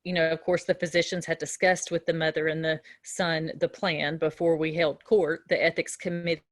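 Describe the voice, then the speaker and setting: A middle-aged woman teaching nursing students in a relaxed lecture, telling a story from her own work with fillers and restarts. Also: low-pitched, moderate pace, dry recording, clean studio sound. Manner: conversational, with frequent fillers and restarts. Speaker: nursing instructor. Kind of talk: recorded lecture with a personal story.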